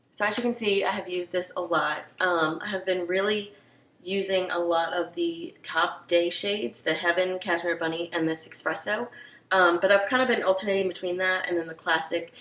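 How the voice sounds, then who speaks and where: A woman's voice: on the low side, a bit bright, reverberant. A young woman, rambling chattily through a casual beauty product review. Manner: rambling, chatty, filler-heavy. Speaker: beauty vlogger.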